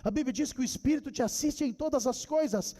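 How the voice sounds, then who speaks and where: A very high-pitched man with a Brazilian Portuguese accent delivers an impassioned sermon. His voice climbs to shouts on quoted lines. The sound rings with the long reverb of a church hall. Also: quick pace. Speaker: pastor.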